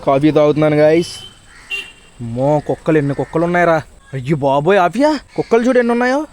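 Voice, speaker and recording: A man's voice: on the high side, expressive, quick pace, darkish tone. A man vlogging casually outdoors in a village, teasing and chatting playfully with a small child. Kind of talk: casual daily vlog chatter. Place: outdoors in a village, by water and fields.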